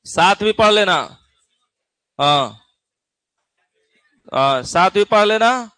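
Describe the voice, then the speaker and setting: Bihari guy teaching physics, homely chatty style, kinda high voice, dry close sound. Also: expressive, very slow, sharp tone, clear, resonant tone, no room sound. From Bihar, India. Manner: folksy, keeps checking in with students. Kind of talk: classroom exam-prep lecture.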